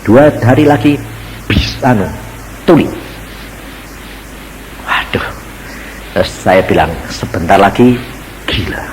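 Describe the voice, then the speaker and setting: Animated preacher man, lilt. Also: on the low side, takes it slowly, pauses often, a little hiss or hum, rough recording. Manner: animated storytelling, acts out quoted voices, addresses audience as "saudara". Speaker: pastor. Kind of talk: testimony sermon.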